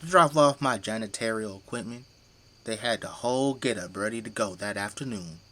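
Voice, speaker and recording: Delivering the same role, the folksy, tipsy, bragging dad with a zombie-fighting flamethrower, the actor sounds matter-of-fact. His lowish voice moves a little fast with a sharp tone, and he keeps his colloquial, easygoing boasting. A slight background noise is audible.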